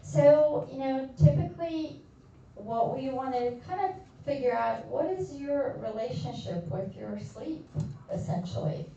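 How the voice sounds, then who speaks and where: With a high-pitched, dark voice touched by vocal fry, a Polish nurse practitioner with a Polish accent talks health with a community-room group at a measured pace, friendly, chatty, and speaking right to them. A little hiss or hum comes through, and the recording sounds distant, roomy, and a bit dull.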